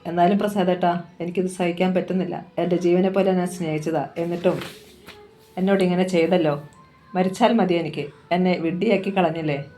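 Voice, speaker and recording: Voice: medium pitch, steady tone, brisk, warm tone, soft background music, natural voice. Heartbroken young woman, as a storyteller reads her. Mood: despairing. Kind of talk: audiobook novel reading.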